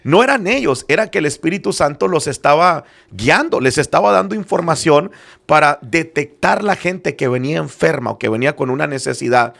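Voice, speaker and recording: Gravelly-voiced middle-aged man teaching. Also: fairly high pitch, lively intonation, a little fast, fairly bright tone. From Spanish-speaking background, living in Arizona. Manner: earnest, with frequent hesitant fillers. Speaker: apostle and church founder.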